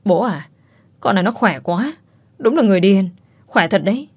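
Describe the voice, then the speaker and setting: A woman's voice: medium pitch, animated, moderate pace, breathy edge, no echo. A woman voicing a fat, cowardly grown son who stammers and whines to his father. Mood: fearful. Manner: timid, stammering.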